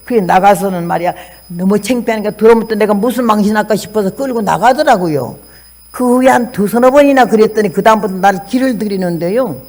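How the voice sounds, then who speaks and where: A woman in her eighties, from Korea, preaching a testimony sermon as a missionary and telling stories animatedly. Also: mid-range voice. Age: 80s. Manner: animated storytelling, acting out quoted dialogue.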